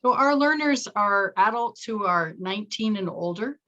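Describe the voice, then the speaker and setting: A woman's voice: mid-range voice, lively intonation, moderate pace, sharp tone, dull audio. A woman presenting on a video call, her audio cutting in and out with uneven volume. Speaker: program coordinator presenting.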